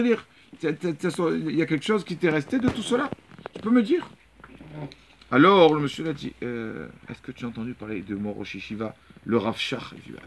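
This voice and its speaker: Male rabbi, Torah lesson, storytelling, lively delivery restarts, mid-high voice. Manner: animated storytelling with frequent restarts and repetitions.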